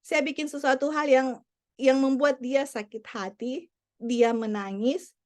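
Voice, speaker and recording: A woman's voice: high voice, steady tone, measured pace, darkish tone. A woman preaching a sermon, earnest and repetitive, mixing English phrases into her teaching. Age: adult parent. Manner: earnest, repeats key points.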